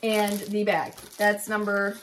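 A woman's voice: mid-range voice, completely flat delivery, takes it slowly, noisy background. Chatty upbeat woman co-host. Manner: chatty, upbeat, laughs often. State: out of breath. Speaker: co-host of a cross-stitch video show. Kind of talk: casual chat, listing giveaway prizes.

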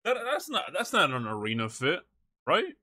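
His pitch is fairly high and swings hugely, at a moderate pace, with a bright, forceful tone and no room sound. As a live streamer reacting to a video, he reads aloud into a close mic and talks to chat in casual slang, leaning on "bro" and "chat."

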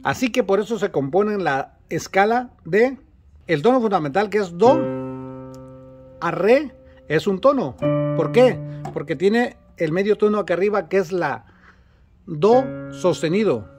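A man's voice: high-pitched, lively intonation, measured pace, darkish tone. A man giving a patient, repetitive beginner keyboard lesson, counting out intervals step by step. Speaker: keyboard teacher. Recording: instrument music clearly audible behind.

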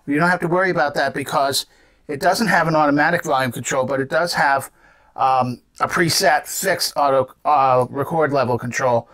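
A man's voice: a little high, moderate pace, fairly bright tone. A man in his seventies giving an unscripted gadget demonstration in an explanatory way, posing questions and answering them himself. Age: 70s. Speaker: presenter demonstrating vintage gadgets.

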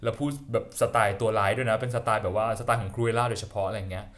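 A man hosting a movie trailer reaction, talking in a chatty, excitable way with lots of fillers. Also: lowish voice, fast talker. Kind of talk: casual reaction chat.

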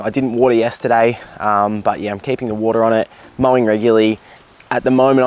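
A man in his thirties with an Australian accent, chatting casually to camera outdoors in a backyard, relaxed and full of fillers and self-corrections. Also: lowish voice. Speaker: lawn care vlogger. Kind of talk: casual vlog talk to camera. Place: outdoors in a large backyard lawn. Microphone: handheld camera held at arm's length, partly a distant camera.

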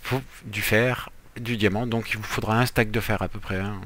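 A man's voice: fairly low pitch, steady tone, moderate pace, fairly bright tone. A man giving casual, playful gameplay commentary as a let's player, chatty, with jokey asides while he explains what he is doing.

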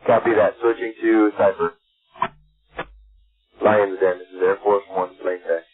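Deep monotone man over walkie talkie. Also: measured pace, slight background noise. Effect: two-way radio, walkie talkie. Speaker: aircraft radio operator. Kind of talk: military radio communication. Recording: tinny phone-like radio transmission.

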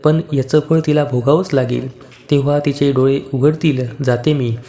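A man voicing a poor, proud old beggar woman in a devotional story, speaking slowly and indignantly. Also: mid-range voice, steady tone, mellow, lightly acted.

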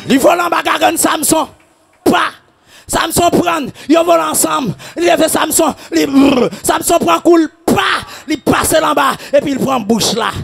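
A Haitian man preaching a sermon as pastor, shouting and half-singing his lines. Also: extremely high pitch, a little slow, creaky, faint music behind.

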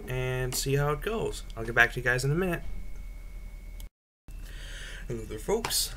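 A young man talks casually to camera in an ordinary mid-range voice. He reviews without a script, halting as he works out his thoughts. The recording is a homemade webcam one from a small room, with faint noise behind him. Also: mid-range voice, fairly bright tone. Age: young adult. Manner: halting, thinking aloud. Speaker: pipe tobacco reviewer. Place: small room at home, indoors. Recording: noisy home webcam recording.

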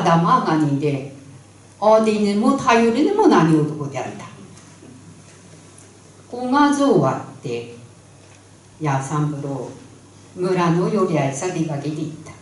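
Old lady storyteller, thick tsugaru dialect, slow, distant mic in echoey hall. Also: lowish voice, slight background noise. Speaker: folktale storyteller. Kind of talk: oral folktale storytelling. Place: stage in a hall, indoors. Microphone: handheld microphone, recorded from a distant camera.

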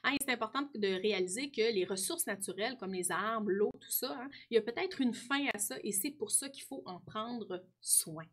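A woman's voice: a little high, normal speed, few pauses. A woman teacher explaining a book to her pupils, often adding a questioning tag. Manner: warm explaining, frequent tag "hein". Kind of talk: classroom lesson talking to students.

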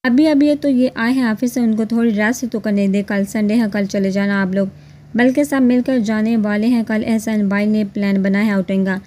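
A woman voicing an innocent, soft-spoken young wife in a spoken romance storybook, polite and gentle. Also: mid-range voice, fairly even intonation, normal speed, natural voice.

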